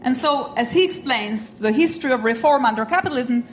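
A middle-aged woman from Albania, French by native tongue, delivers an academic talk as an invited speaker, measured and reflective yet animated, with occasional dry humor about herself. Her voice is fairly high. She sounds far from the microphone in an echoey room with a light ambient hum.

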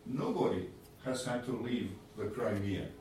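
A man from Serbia with a Serbian accent makes a formal, argumentative point from the floor at a talk, in measured, hesitant phrasing. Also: medium pitch, animated, a little mellow. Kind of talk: deliberate argumentative question from the floor. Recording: very echoey room, distant, clearly noisy.

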